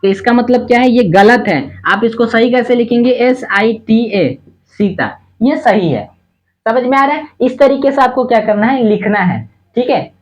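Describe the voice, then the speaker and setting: A man teaching a lesson at a board, who asks his own questions, answers them, and spells words out slowly letter by letter. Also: very high-pitched, expressive. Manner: repetitive and patient, checks understanding often. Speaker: spoken English teacher.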